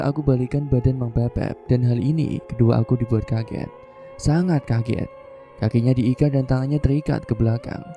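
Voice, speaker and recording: A man reads a first-person horror story in slow, measured scripted narration. His voice is very dark and mellow, and soft music runs faintly behind him. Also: mid-range voice. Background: faint background music.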